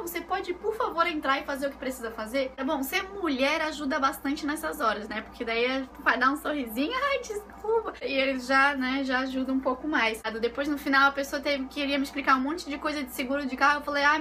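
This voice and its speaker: A woman's voice: high voice, brisk. A woman with a Brazilian Portuguese accent, telling stories in a casual vlog from her bedroom and acting out the voices of the people she quotes. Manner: animated, acts out quoted voices. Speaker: vlogger.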